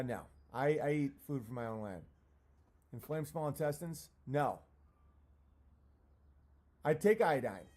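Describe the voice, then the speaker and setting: A male streamer with a slightly high-pitched voice. He talks casually to his viewers, stopping and starting as he rambles. His language is profane and often turned against himself. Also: darkish tone. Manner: profane, self-deprecating. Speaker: live streamer. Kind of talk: casual livestream rant, answering chat comments.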